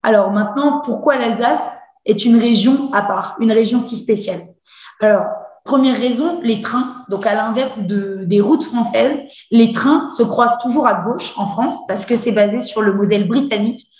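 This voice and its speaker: A woman's voice: on the high side, moderate pace, a little mellow, reverberant, rough recording. A woman from Alsace giving a cultural presentation to students, explaining patiently with many hesitations. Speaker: teacher.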